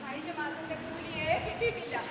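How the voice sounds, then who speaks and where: A woman's voice: sits high, brisk, very noisy, natural voice. A woman acting a practical working friend in an amateur stage drama, chatty and consoling. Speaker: stage actor. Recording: echoey hall, far from mic, crowd.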